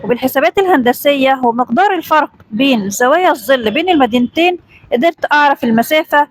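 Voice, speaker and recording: A woman voicing a calm, polite boy scholar. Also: high-pitched, fast, no room sound. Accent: Egyptian Arabic.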